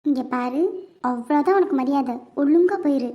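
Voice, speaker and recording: A woman voicing a sharp-tongued young female college student in a cartoon. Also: sits high, moderate pace, over loud music, close to an everyday voice. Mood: angry. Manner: sharp, dismissive. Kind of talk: cartoon voice acting. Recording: dull lo-fi sound.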